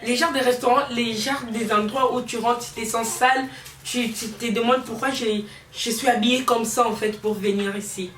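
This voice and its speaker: A woman's voice: a little high, steady tone, normal speed, a bit bright, echoey room, far from the mic, faint music behind. A young woman with a Congolese French accent, telling a personal story to her viewers in a chatty, laughing way. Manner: chatty, addresses viewers directly, laughs often. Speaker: vlogger. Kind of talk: storytime chat to camera.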